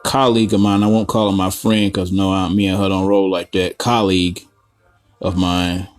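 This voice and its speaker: A man's voice: deep voice, level tone, moderate pace, faint music behind. Rambling, foul-mouthed man teaching coloring. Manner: rambling, profane, joking asides. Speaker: art tutorial host. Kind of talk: casual drawing tutorial.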